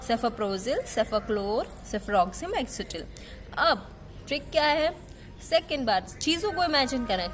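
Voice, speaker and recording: A woman teaching pharmacy in Hindi who explains memory tricks, repeats drug names slowly and keeps checking in with her students. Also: high-pitched. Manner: checks in with the listener, often asking "ठीक है"; affectionate, calls the student "बेटा".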